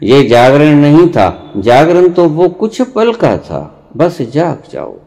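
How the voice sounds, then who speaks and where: Speaking slowly and deliberately, a male spiritual teacher gives a spiritual discourse in a stern tone, his pitch rising and falling vividly. Long pauses give way to sudden emphatic surges as he directly scolds and lectures those listening.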